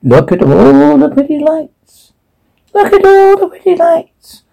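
Man putting on a high possessed demonic voice. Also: huge pitch swings, takes it slowly, gravelly, mellow, full character voice. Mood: possessed, eerie. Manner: possessed, obsessively repetitive chant. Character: possessed demonic voice, childlike eerie chanting.

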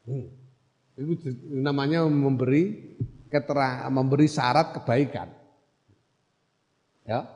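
A man leads a classical religious text study, reading Arabic phrases and glossing them before explaining. He checks in with listeners through short questions. His mid-pitched voice rings with the long reverb of a large hall. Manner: reads Arabic text, glosses it in Javanese, then explains in Indonesian. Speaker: religious teacher.

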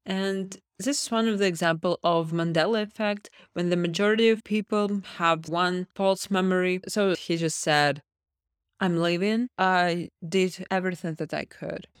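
A woman's voice: on the low side, fairly even intonation, moderate pace, smooth, no echo, studio quality. A woman with a Russian accent, a native Russian speaker hosting a short educational podcast and explaining phrases like a language teacher.

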